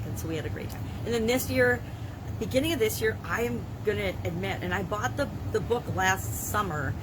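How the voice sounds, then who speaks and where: A woman's voice: mid-range voice, noisy background. A woman in her sixties talking earnestly and reflectively in a casual daily video diary. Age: 60s. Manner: earnest, reflective, self-improvement talk. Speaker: vlogger.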